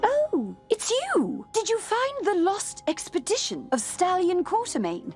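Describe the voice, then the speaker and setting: A woman playing a haughty, excitable museum employee in a video game, theatrical and dismissive. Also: extremely high pitch, a little slow, heavily acted. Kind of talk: video game character acting. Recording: music clearly behind the voice.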